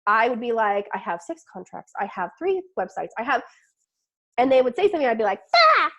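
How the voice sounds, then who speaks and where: A woman's voice: on the high side, big pitch swings, fairly quick. A middle-aged woman, a business owner and podcast guest, chatting casually and acting out little quoted lines with laughs. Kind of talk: casual interview chat.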